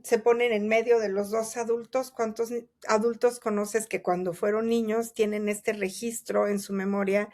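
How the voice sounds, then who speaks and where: A woman, calmly explaining her ideas in an interview, with examples and rhetorical questions. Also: fairly high pitch. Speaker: guest speaker. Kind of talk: reflective conversational interview.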